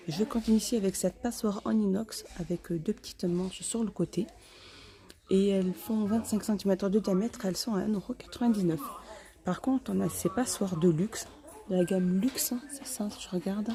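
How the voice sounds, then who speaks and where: Female shopping vlogger, mid-pitched and soft-toned, speech muffled through a face mask, informal and a little hesitant as she goes item by item. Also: creaky. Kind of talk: casual store-tour narration. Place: inside a discount store.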